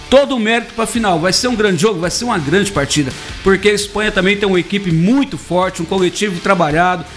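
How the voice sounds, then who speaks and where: A man's voice: sits high, a bit bright. A man from Brazil doing casual, joking sports talk as a radio commentator, teasing his co-hosts.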